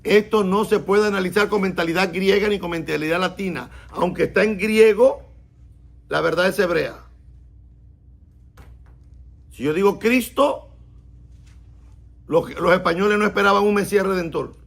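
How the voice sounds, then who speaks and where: A man, a rabbi, teaching a Bible class, explaining words slowly and asking his students questions. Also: high-pitched, vocal fry. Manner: stresses and repeats key words slowly.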